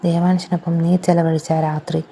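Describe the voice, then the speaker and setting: A woman's voice: lowish voice, flat delivery, fairly quick, mellow, a little hiss or hum, lightly acted. A woman voicing a taunting, scheming young woman in a storybook romance, drawing her words out. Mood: mocking.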